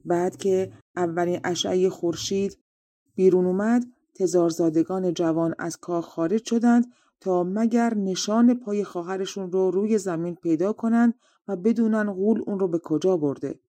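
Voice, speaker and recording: Woman reading a fairy tale audiobook, mellow voice, dry close sound. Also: on the low side, no room sound. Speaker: audiobook reader. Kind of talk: storybook narration.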